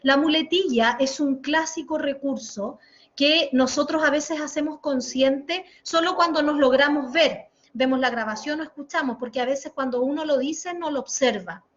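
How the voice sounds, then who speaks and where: A Chilean woman leading an online workshop lesson, articulating with deliberate exaggeration and answering viewer comments as she goes. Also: high-pitched. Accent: Chilean Spanish. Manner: reads viewer comments aloud and responds. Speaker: workshop instructor. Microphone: computer mic, recorded lesson. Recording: dull lo-fi screen recording.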